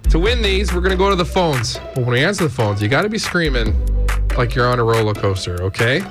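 A man hosting a radio show in an animated, informal radio contest promo style, talking to callers. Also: medium pitch, fast talker. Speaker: radio morning show host. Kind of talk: casual radio chat. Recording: music bed behind the voice.

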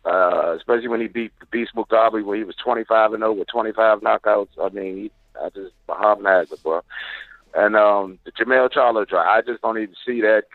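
A man with a lowish voice calls in over the phone, sounding tinny and dry through the line. He talks casually, circling back to the same points with firm opinions. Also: fairly quick, no echo. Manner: relaxed, repetitive, fired-up opinions. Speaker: call-in caller. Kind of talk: casual boxing opinion call.

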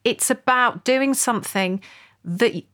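A woman psychologist on a podcast explaining a case in a thoughtful, measured, earnest way. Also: fairly high pitch, fairly bright tone. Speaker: psychologist co-host. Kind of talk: conversational explanation.

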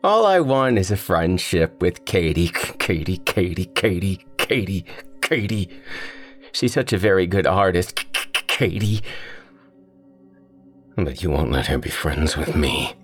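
Childlike male killer, gravelly falsetto, singsong and creepy. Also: measured pace, faint music behind. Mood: obsessive. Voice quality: high-pitched yet gravelly, like an excited kid. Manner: singsong, repeats words. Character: childlike masked male killer, gleeful and menacing.

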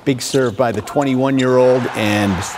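Male sportscaster over noisy highlight ambience. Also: steady tone, measured pace. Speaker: sports anchor. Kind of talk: TV sports highlights commentary, scripted.

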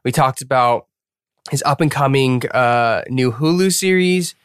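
A man's voice: medium pitch, measured pace, clear, resonant tone, no room sound, clean studio sound. Upbeat young podcast co-host man. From Atlanta, USA. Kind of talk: casual podcast chat.

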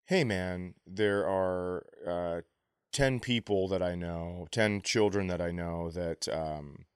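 This comedy podcast co-host has a deep voice and a clean tone, recorded dry with no echo or room sound. He jokes around casually, speaking in a halting, conversational way punctuated by imagined lines of dialogue.

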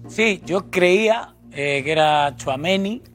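A man with a Spanish accent, a panelist on a sports talk show, explaining a point in a measured way. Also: fairly high pitch, soft background music. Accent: Spanish from Spain. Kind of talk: studio discussion.

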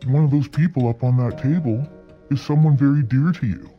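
A man from British Columbia whose voice has been electronically altered to sound very deep, speaking haltingly and reflectively with many restarts as an anonymous guest in an interview. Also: lo-fi sound, faint music behind. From British Columbia, Canada. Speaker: anonymous interview guest, former gang member. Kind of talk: candid interview answers.

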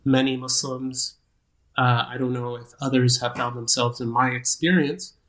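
A man's voice: medium pitch, steady tone, normal speed, a bit bright. A man in his thirties talks as a podcast guest, loose and conversational. He rambles and restarts often, poking fun at himself along the way. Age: 30s. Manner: rambling, self-deprecating, frequent restarts. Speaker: guest, nonprofit program manager. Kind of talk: casual interview chat.

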